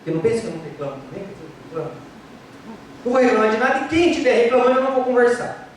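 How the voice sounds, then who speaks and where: A man's voice: extremely high pitch, racing, slight background noise. A Brazilian man, a physician, giving a lecture on spirituality and health, firing off rhetorical questions and acting out complaining patients. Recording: echoey hall recorded from far off.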